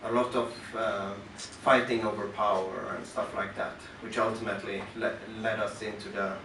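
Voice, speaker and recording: On a club stage, a Norwegian-accented man from western Norway presents his music to the crowd, pausing, restarting and thinking aloud. His voice sits lowish, flat and fairly bright, with vocal fry. Captured from the audience via the house speakers, the roomy, distant recording carries a little hiss or hum.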